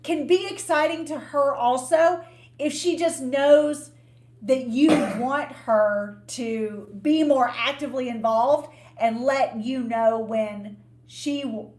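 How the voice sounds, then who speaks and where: A woman co-hosting a podcast, giving frank, unhurried relationship advice in a casual, explanatory way. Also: high voice, darkish tone, slight background noise. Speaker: podcast co-host. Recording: echoey room.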